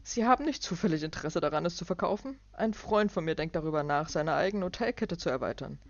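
A woman reading a book aloud and voicing a stout, condescending businessman in his fifties who is loud and falsely jovial. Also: fairly low pitch, animated, fast, dry recording. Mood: mocking. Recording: dull lo-fi dry recording.

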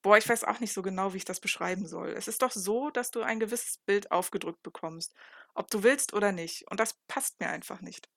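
A woman's voice: mid-range voice, fairly quick, creaky, no room sound, studio quality. A woman reading the lines of an anxious young man in an audiobook, stammering and flustered as he searches for words. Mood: searching. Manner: stammering, flustered, rising into excited bursts.

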